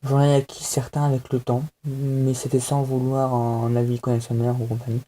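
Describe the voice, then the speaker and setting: A man's voice: mid-range voice, completely flat delivery, moderate pace, dark tone. A young man chatting casually to camera at home, hesitant and self-mocking, with many fillers. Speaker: vlogger answering a fan tag. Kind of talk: casual chat.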